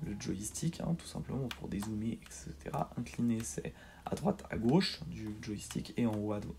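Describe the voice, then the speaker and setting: In a mellow, medium-pitched voice, a gaming tutorial host narrates a video game guide. He's casual and hesitant, full of fillers and repeated words, and keeps making fun of himself.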